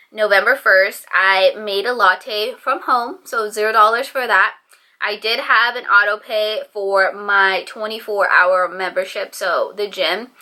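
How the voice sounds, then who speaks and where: A woman's voice: medium pitch, pushed and bright. A woman in her twenties from the San Francisco Bay Area, chatting casually to camera as a vlogger, rambling with lots of fillers. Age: 20s.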